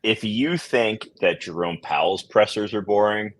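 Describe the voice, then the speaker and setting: Low-voiced man, loose joking chat. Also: unhurried. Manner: loose, hesitant, joking with swearing. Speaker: co-host of a markets show. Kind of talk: casual market chat.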